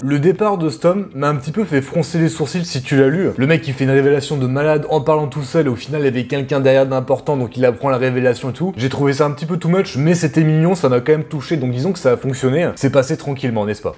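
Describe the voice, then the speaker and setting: A man's voice: mid-range voice, warm tone. A young man, casually and enthusiastically reviewing the manga he read this month, full of slang and talking straight to the viewer. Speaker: manga YouTuber.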